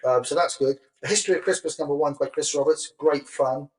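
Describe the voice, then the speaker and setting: A man's voice: a little high, fairly even intonation, fairly quick, poor audio. A middle-aged man co-hosting a podcast, chatting easily, self-deprecating and laughing often. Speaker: podcast co-host and magazine editor. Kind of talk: casual chat.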